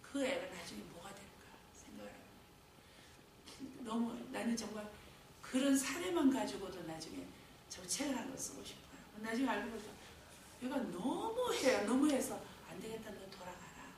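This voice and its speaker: A middle-aged woman who directs a care home tells stories at a faith lecture, lively and often laughing. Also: medium pitch, normal speed. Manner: lively storytelling with frequent laughter. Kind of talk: lecture at a faith talk series. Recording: very echoey hall, distant mic, noise.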